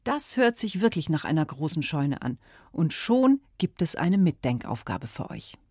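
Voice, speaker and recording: A woman presenting a children's story, speaking directly to young listeners and posing puzzles in an animated way. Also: low-pitched, normal speed, breathy edge, no echo, studio quality.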